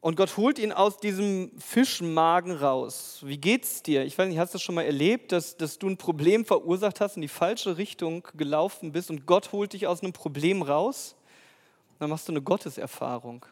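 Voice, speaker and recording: A man preaching a sermon, lively and emphatic, often asking his listeners questions. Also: on the high side, normal speed, in a large hall.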